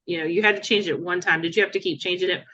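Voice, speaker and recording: Woman podcast host asking questions, kinda low voice, sound is a bit dull and lo-fi. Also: steady tone, racing, pushed and bright, a little hiss or hum. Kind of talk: conversational interview.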